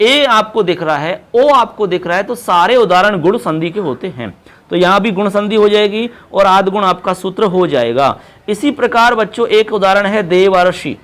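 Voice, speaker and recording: A man's voice: high-pitched, fairly bright tone. A man teaching Sanskrit grammar for an exam, explaining step by step and repeating key terms as he addresses his students as children. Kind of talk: exam-prep lesson.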